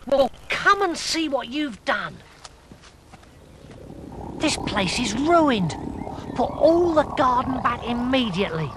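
A man voicing an excitable, bossy female frog in a storybook, high and emphatic. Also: measured pace, recorded from a distance, background noise, heavily acted.

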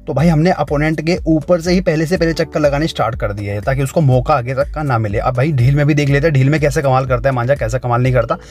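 A young adult kite-flying vlogger talks fast to his camera from an open rooftop in a slightly high voice, giving a casual demo and live commentary. He's chatty, constantly checking in with viewers, saying "friends" and "okay?", while clear music plays underneath.

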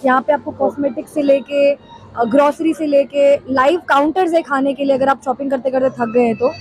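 High-voiced woman guest, friendly. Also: steady tone, brisk, soft background music. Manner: mixes Hindi and English, friendly. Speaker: guest visitor at store launch. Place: large busy supermarket indoors.

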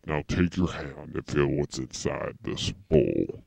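A menacing talking pumpkin acted by a man in an amateur comedy skit, with a rock-bottom, gravelly voice. It speaks slowly and theatrically, with mock politeness, over clearly audible noise on a home-video recording. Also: extremely low pitch, full character voice. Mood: commanding. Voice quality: gravelly, growly.

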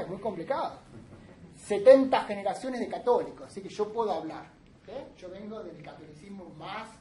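A woman's voice: on the high side, darkish tone. A woman lectures to a class, switching between Spanish and English and checking in with her students between points. Her voice reaches the mic from across an echoey classroom, with faint room noise behind it. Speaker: instructor. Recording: roomy classroom sound from a distant mic.

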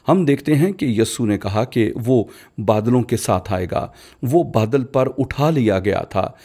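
A man with a mellow, warm voice at a middle pitch delivers a dubbed sermon voice-over. He explains each point in a measured, teaching manner, posing questions and answering them. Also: animated. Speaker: preacher voice-over.

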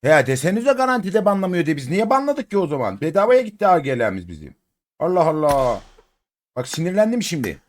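Excitable Turkish man chanting over a game. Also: on the high side, quick pace. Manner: excitable, chanting repeated words, coaxing his cat. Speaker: mobile game streamer. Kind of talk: casual gameplay commentary.

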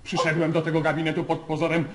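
A man's voice: a little high, monotone, quick pace, reverberant, background noise, close to an everyday voice. A man playing a brash smug seducer. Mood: smug seductive. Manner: grandiose, romantic, insistent. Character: brash self-assured male seducer, adult.

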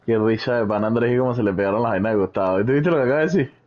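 Gamer guy, low-key gossipy asides, muffled lo-fi chat audio. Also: rapid-fire. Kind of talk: casual gaming voice chat.

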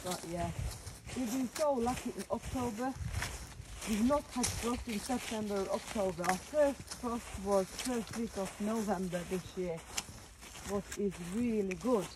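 A woman gives an easygoing tour of her garden outdoors, chatting and pointing out features as she goes, in the style of a garden vlog. She speaks in a mid-range voice at a measured pace, with background noise present.

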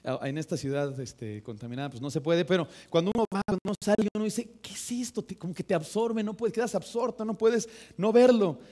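A young man with a Mexican Spanish accent preaching a sermon in church, conversational and humorous, often turning to the congregation with lively asides. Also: fairly high pitch, fast, few pauses. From northern Mexico. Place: church sanctuary.

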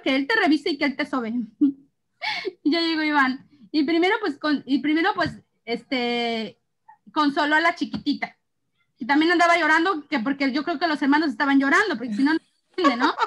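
A woman's voice: sits high, normal speed, pauses often. A woman in her thirties with a Mexican accent, chatting casually with her sister as co-host and telling family stories with lots of laughter. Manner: animated storytelling, laughing often. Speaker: co-host of an essential oils channel. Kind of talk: casual chat between sisters.

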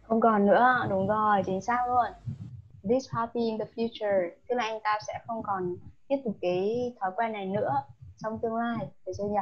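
Woman, English tutor, patient and coaxing, husky, dull lo-fi recording. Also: a little high, normal speed. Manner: patient, coaxing teacher mixing languages, lively when explaining. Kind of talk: one-on-one online English lesson. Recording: dull lo-fi sound.

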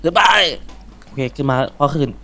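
A young man hosting a casual game let's-play, excitable, swearing and chatting to the animals in the game. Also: normal speed. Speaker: gaming channel host.

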